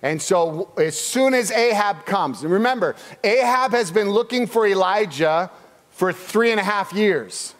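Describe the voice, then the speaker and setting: A man with a high voice preaching a sermon. He retells the story in a lively way and slips into the voices of its people. The sound carries a long reverb, as in a big church hall. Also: measured pace. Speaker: pastor.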